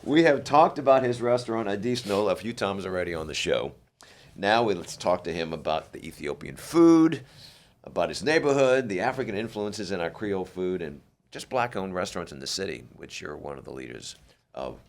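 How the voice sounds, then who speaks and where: A man's voice: low voice, expressive, moderate pace. A man hosting a talk show, chatting with his guests in an upbeat, playful way. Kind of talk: casual interview chat.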